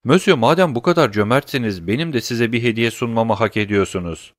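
A man voicing a humble, eager male prison doorkeeper in a storybook reading, speaking in a deferential, excited way. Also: medium pitch, fairly quick, no echo, studio quality, lightly acted.

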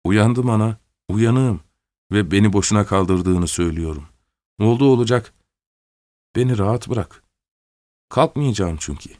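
Man voicing a calm, worn-out young worker. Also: fairly low pitch, a little slow, long pauses, dry recording, studio quality, natural voice. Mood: weary calm. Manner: calm, soft, flat-toned. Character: exhausted young factory worker, calm and detached.

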